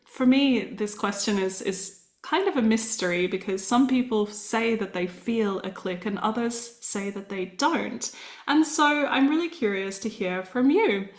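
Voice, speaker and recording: Unhurried and fairly high-pitched, a woman hosts an interview podcast, thinking aloud as she poses curious, reflective questions in conversation. Faint music and a roomy echo surround her voice.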